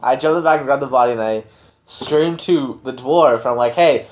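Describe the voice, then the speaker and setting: A man's voice: mid-range voice, fairly quick. A man playing a tabletop game, insistently declaring his character's actions and laughing easily. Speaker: player. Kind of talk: casual tabletop game banter. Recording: dull lo-fi recording.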